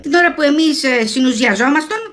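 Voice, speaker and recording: A high, excitable voice belongs to a fretful middle-aged male patient that a woman acts out. He rambles and circles back, his pitch jumping whenever his outrage takes over. It is comic audio sketch acting. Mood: agitated. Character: anxious middle-aged male patient, paranoid about theft.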